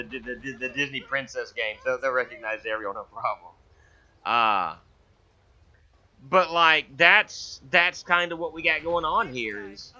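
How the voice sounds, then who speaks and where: A man's voice: mid-range voice, pushed and bright. A man hosting a casual let's-play, rambling with many stammered restarts while he plays. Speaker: gaming channel host. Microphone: headphones with gaming mic. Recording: dull lo-fi mic.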